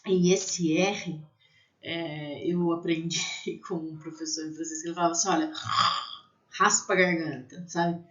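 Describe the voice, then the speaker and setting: A woman from Brazil teaching technical French to pastry students, spelling out sounds slowly and often checking in with "né?". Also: on the low side, steady tone. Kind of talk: language lesson for pastry students. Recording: slightly dull lo-fi recording.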